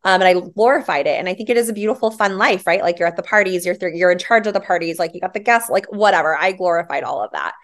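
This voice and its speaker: A woman in her thirties speaks as a podcast guest with a somewhat low voice. Her delivery is animated and chatty, full of fillers and quick laughs. She sounds relaxed and conversational. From Hawaii, raised later in Arizona. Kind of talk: casual conversational interview.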